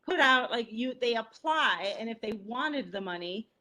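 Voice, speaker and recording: A woman's voice: fairly high pitch, animated, normal speed, sharp tone. A woman trustee making her case in a meeting debate, hesitant and full of fillers. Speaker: town trustee.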